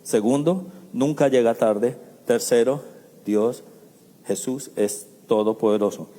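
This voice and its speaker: Warm-voiced man preaching in a reverberant church. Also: medium pitch, slow. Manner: conversational preaching with rhetorical questions to the congregation; jokey asides and chuckles. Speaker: pastor. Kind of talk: sermon. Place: church sanctuary. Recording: long hall reverb in a church.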